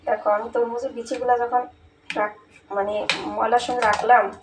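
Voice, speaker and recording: A woman in her thirties, chatting and telling stories at an easy pace while she cooks in her home kitchen. Her voice sits a little high. It sounds distant and echoey, with clear noise behind it. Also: flat delivery. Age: 30s. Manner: chatty, unhurried storytelling. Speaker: home cooking vlogger. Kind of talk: casual chat while cooking.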